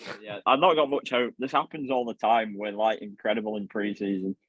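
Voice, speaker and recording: A man with a lowish voice talks as a podcast guest, easygoing and quick to poke fun at himself. He stumbles over his first words before settling in. His audio is dry and a little muffled. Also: steady tone, dry recording. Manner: easygoing, stammering restarts, self-mocking. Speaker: band member guest. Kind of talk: casual podcast interview.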